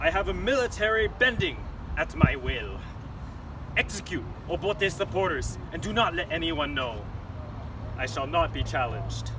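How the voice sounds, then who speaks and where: A man's voice: a little high, very animated, moderate pace, recorded from a distance, noisy background, pitched above the performer's own voice. A man playing a boastful, ruthless military dictator, declaiming grand proclamations in a history skit. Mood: menacing. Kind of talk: dramatised historical speeches.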